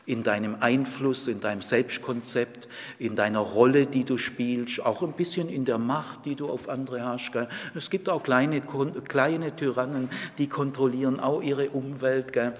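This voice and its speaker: A male preacher delivering a sermon, tagging his sentences with "gell" and moving from hushed asides to loud emphasis. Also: medium pitch. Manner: tags sentences with "gell", shifts from quiet and intimate to loud and emphatic. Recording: long reverb in a large hall.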